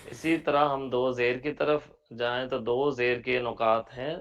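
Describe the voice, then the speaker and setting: A man teaching a Braille class online, slowly spelling out each word letter by letter, patient and repeating his examples. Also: mid-range voice, flat delivery, a bit bright, a little hiss or hum. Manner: spells out words letter by letter, slow and deliberate.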